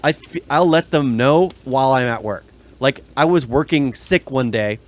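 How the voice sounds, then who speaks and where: A man's voice: mid-range voice, normal speed. Blunt, rambling man in casual chat. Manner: rambling, blunt, complains about coworkers. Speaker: podcast co-host.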